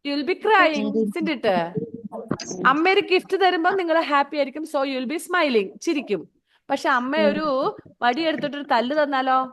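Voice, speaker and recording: A woman teaching English to kindergarten children in an online class, speaking with a Malayali accent. She stretches out her English words slowly, then switches quickly into Malayalam, coaxing the children by name. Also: sits high, fairly bright tone.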